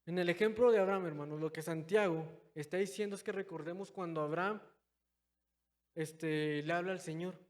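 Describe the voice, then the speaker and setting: A young man preaching a sermon in a church, calling his listeners brothers and moving between loud, stressed phrases and quiet, low asides. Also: fairly even intonation, normal speed. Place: church hall. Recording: long hall reverb.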